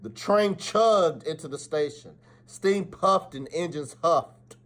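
High-leaning and fairly bright, the voice of a middle-aged school principal moves at a slow pace as he reads a children's story expressively. There is dramatic emphasis and an occasional slip; he's in a small office, captured by a phone or webcam at arm's length.

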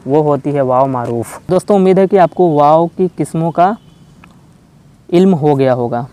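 A man teaching an online grammar lesson, explaining slowly and repeating example words one at a time. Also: on the high side, mellow.

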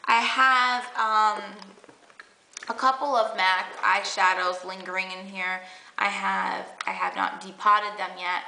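Young woman, beauty vlogger, chatty and gushing; bright gravelly voice in an echoey room. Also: medium pitch, steady tone, slow pace, slight background noise. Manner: chatty, gushing, many fillers and restarts. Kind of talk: casual makeup haul chat.

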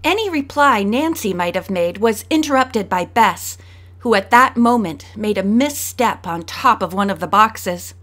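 A woman narrating an audiobook, shifting her pitch and pace to voice each character. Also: lively intonation, a little slow, fairly bright tone.

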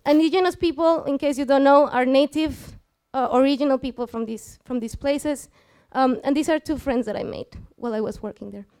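A brisk, darkish voice that sits high, with few pauses, belongs to a woman in her twenties with a Mexican accent whose first language is Spanish. A student, she gives an explanatory science talk live through a headset mic in a small lecture room, informally drawing the seated audience in with questions.

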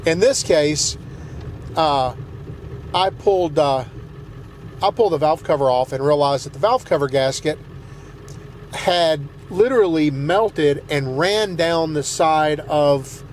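Here a truck vlogger, a middle-aged man with a Southern US accent and a voice on the high side, drives his pickup in snow while telling a long story. He rambles, restarting often and filling gaps with fillers, and the dash-mounted camera in the cab picks up road noise behind him.

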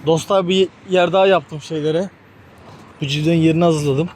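A man's voice: on the high side, fairly even intonation, normal speed, noisy background. A man chatting casually to his viewers while tending his hens and chicks, often talking to the birds themselves. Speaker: poultry hobby vlogger. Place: outdoor chicken coop. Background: chickens and rooster clucking.

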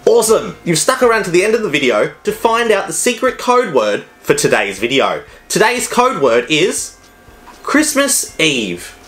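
A man's voice: sits high, big pitch swings, moderate pace, a bit bright, roomy sound, rough recording. A man talking through a cooking demonstration, with chatty, upbeat, step-by-step instructions. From Australia. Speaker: cooking vlogger.

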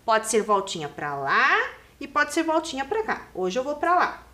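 Woman teacher, high voice, very lively pitch, slow patient delivery, children's TV lesson. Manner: slow, sing-song, questioning children at home. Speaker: primary school teacher. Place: TV studio classroom.

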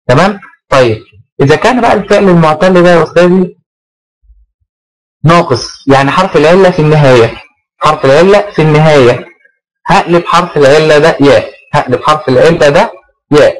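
A man with an Egyptian Arabic accent teaches a grammar lesson at a brisk clip, his voice sitting a little high. He repeats key phrases and throws rhetorical check-in questions at the class. He also voices his pupils' questions before answering them himself. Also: rough recording. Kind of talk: online class lecture.

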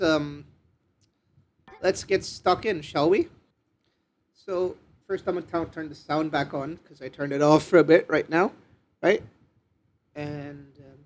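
Brief: casual male let's-play host, high and animated, loose and jokey. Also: a little hiss or hum. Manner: rambling, filler-heavy, joking. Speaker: gaming channel host.

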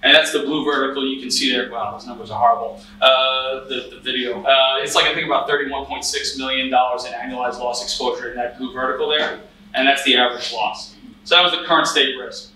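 With a sharp tone and fairly even intonation, a man in his thirties speaks a little fast in a medium pitch during his conference presentation as a cyber risk analyst. The hotel meeting room sounds echoey from the distant recording, with slight background noise, and his casual talk is dotted with restarts and fillers.

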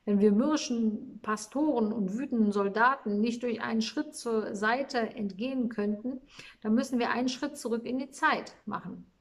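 A woman's voice: fairly high pitch, normal speed, lightly acted. A woman voicing a friendly male shepherd who speaks plainly and practically. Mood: steady.

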